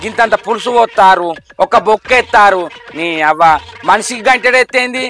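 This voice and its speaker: A man's voice: high voice, steady tone, quick pace, fairly bright tone, faint music behind. A man, grumbling and scolding in a village comedy sketch. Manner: grumbling, scolding, repeats his complaints. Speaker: comic actor.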